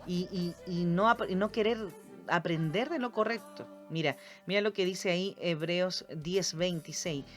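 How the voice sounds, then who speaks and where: Woman w/ a lowish voice reading bible verses on a church podcast, earnest, soft music under it. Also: normal speed. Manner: earnest, reads scripture aloud, frequent "amen" and "right?". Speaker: podcast co-host.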